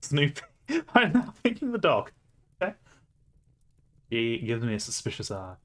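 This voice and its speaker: A man's voice: medium pitch, huge pitch swings, normal speed. Man streamer reading a game aloud. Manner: playful, laughing asides.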